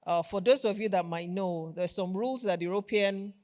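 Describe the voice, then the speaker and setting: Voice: medium pitch, fairly quick. Polished, enthusiastic Nigerian corporate keynote speaker. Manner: polished corporate enthusiasm, emphatic repetition of key phrases. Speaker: company executive giving keynote address. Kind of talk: formal conference keynote speech.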